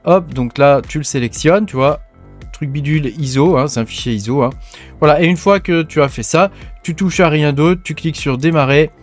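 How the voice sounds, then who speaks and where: A man's voice: fairly high pitch, normal speed, faint music behind. Chatty French man explaining a tutorial. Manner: chatty, informal, many fillers and "hein". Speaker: tech tutorial host. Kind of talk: casual screen-recorded tutorial.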